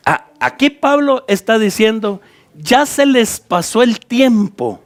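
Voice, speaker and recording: A Guatemalan pastor with a Guatemalan Spanish accent teaches a Bible study to church leaders, explaining scripture point by point and putting direct questions to his listeners. His voice sits high and is very animated, and he takes it slowly.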